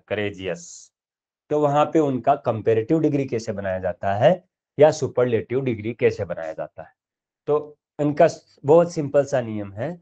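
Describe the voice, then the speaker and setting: Slow, mellow-voiced male teacher. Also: mid-range voice, muffled recording. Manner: explains step by step, says example words slowly and drawn out; checks in often with "thik hai" and "dekho". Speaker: English teacher. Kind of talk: grammar lesson.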